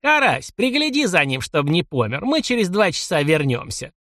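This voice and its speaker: A man voicing a scrawny, cackling old jailer boss with a creaky, high voice and a mocking, bossy, drawn-out way of talking. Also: very animated, fairly bright tone, no room sound, clean studio sound. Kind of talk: audiobook character voice.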